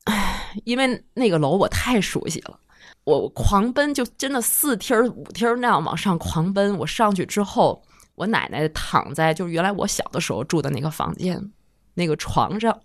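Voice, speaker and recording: A woman's voice: fairly low pitch, sing-song, dry recording, studio quality. Woman telling a heartfelt personal story. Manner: emotional, halting, heartfelt recollection. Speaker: guest listener.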